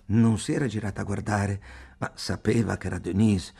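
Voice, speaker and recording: A man narrating an audiobook in a measured, deliberate way. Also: on the low side, steady tone, creaky, mellow, husky.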